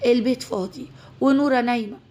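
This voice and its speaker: A woman's voice: a little high, fast talker, darkish tone, natural voice. A woman voicing a scheming, flirtatious stepmother with an Egyptian Arabic accent.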